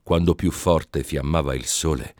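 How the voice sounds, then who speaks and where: A man narrating a literary tale in a slow, measured reading. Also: a bass voice, darkish tone, no echo, clean studio sound. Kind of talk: scripted narration.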